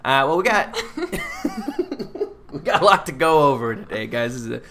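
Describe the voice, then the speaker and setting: A man's voice: a little high, sing-song, measured pace, bright, forceful tone. A man co-hosting a casual comedy podcast from inside a store, laughing often and rambling with restarts. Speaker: podcast co-host.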